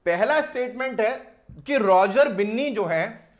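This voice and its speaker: A man's voice: sits high, animated, a little slow. A man teaching an exam-prep vocabulary lesson in Hindi mixed with English, drilling each word by asking and answering himself again and again. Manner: drills words by repeated call and answer.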